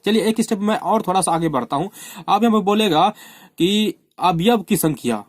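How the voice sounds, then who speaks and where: A man's voice: high voice, animated, moderate pace, no room sound, studio quality. A man from India teaching a math lesson at a board, repeating terms and often urging the students to watch closely. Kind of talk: classroom lesson explaining at a board.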